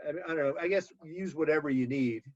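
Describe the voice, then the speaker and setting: A man's voice: fairly high pitch, fast, dull audio. A man hosting a casual movie rewatch podcast, rambling with many fillers and restarts. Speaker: podcast host.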